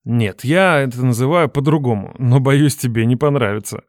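A woman's voice: a bass voice, normal speed, a little mellow, no echo, studio quality, pitched below the performer's own voice. A woman voicing a brash young male lifeguard who talks down in a teasing, condescending drawl. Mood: smug teasing.

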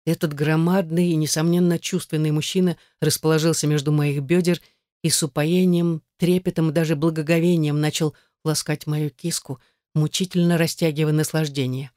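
The narrator is a male audiobook reader whose voice sits slightly high for a man. His delivery is steady and even, and the close, dry recording carries no room sound at all.

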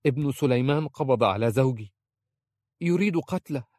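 A man's voice: medium pitch, fairly quick, darkish tone, no echo, clean studio sound, natural voice. A man voicing a desperate young wife who pleads urgently for her husband's life. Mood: pleading.

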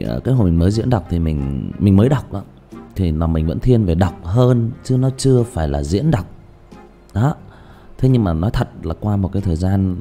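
A man's voice: deep voice, mellow. A man hosting a casual livestream, rambling with frequent restarts and repeated words. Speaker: livestream host and ghost story reader. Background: faint background music.

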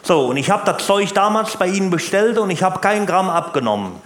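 A man's voice: big pitch swings, a little fast, a bit bright, roomy sound. Man doing a blunt old working-class guy. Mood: complaining. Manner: blunt, tag questions, jumps in pitch. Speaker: comedian. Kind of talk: stand-up routine and prank call.

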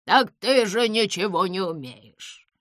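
A woman voicing a grumpy, quick-tempered female owl who talks in loud, exasperated outbursts. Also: mid-range voice, lively intonation, no echo, clean studio sound.

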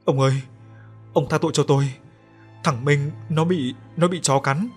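A man's voice: medium pitch, fast talker, soft background music, lightly acted. A man voicing a frightened old grandmother in a ghost story, stammering and tearful.

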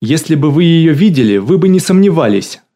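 A man's voice: mid-range voice, normal speed, a little mellow, lightly acted. A man voicing a bossy middle-aged woman who swings between syrupy sweetness and barking drill-sergeant commands, in an audiobook. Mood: syrupy eager.

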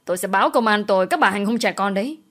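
A woman's voice: medium pitch, lively intonation, rapid-fire, fairly bright tone. A woman voicing an angry young father defending his wife and son. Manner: stern demands.

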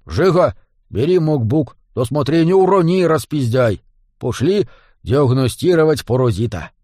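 A man voicing a gruff, short-tempered male dwarf in an audiobook, blustering and crude. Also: fairly high pitch, animated, measured pace, a little mellow, dry recording, clean studio sound.

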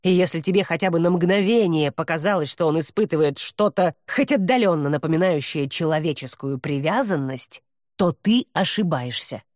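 A woman voicing a proud male demon who talks in a low, growling, contemptuous way, as in an audiobook. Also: lively intonation, normal speed, a little mellow, dry recording, clean studio sound. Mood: scornful.

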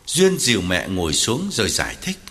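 A man narrating an audiobook in scripted narration with an expressive delivery. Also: sits low, fairly quick, gravelly.

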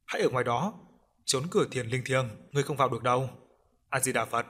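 A man's voice: medium pitch, fast, a bit bright, close to an everyday voice. A man voicing a Buddhist monk who speaks firmly and with command. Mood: stern. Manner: firm, commanding. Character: calm Buddhist monk, stern toward a spirit.

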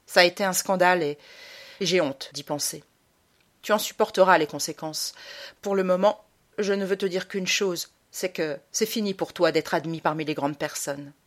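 A woman's voice: on the low side, normal speed, close to an everyday voice. Woman voicing a stern, cold mother. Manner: curt, commanding, dictating. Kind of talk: audiobook character voice.

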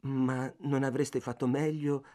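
A man's voice: mid-range voice, little pitch movement, slow pace, warm tone, natural voice. A puzzled, mild-mannered shopkeeper's clerk from an audiobook, as a male narrator puts him on. He talks in a subdued, hesitant way, never raising his voice.

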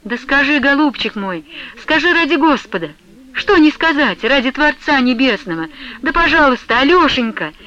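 A woman's voice: high voice, normal speed, a bit bright, muffled recording, pitched above the performer's own voice. A woman reading an audiobook, voicing a tearful young widow who pleads and sobs with her beloved. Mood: pleading. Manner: pleading, sobbing, endearing.

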